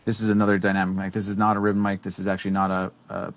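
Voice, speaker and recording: A deep-voiced man, co-hosting, casually explains microphones in a small studio room with a green screen, recorded on a boom-arm studio mic. His delivery is completely flat and rapid-fire, rambling with lots of fillers and restarts.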